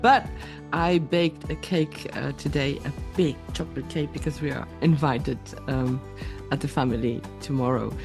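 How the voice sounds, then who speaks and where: A woman hosts an online talk show over a video call. She chats in a friendly, easy way. Her voice sits low, with faint music behind it. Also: steady tone, normal speed, gravelly. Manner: friendly, laughing, with fillers. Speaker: host. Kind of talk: casual interview talk.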